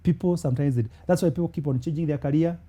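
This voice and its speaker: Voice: mid-range voice, rapid-fire, warm tone. A speaker with a Kenyan accent explaining ideas in an emphatic, teacherly way, often posing rhetorical questions as a guest trainer. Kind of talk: motivational explanation in conversation.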